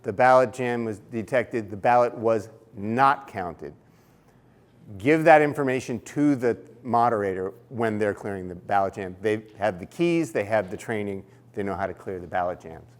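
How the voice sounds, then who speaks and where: A man's voice: lowish voice, normal speed, few pauses. A man giving a casual, explanatory training talk for poll workers, with fillers and restarts. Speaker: election trainer.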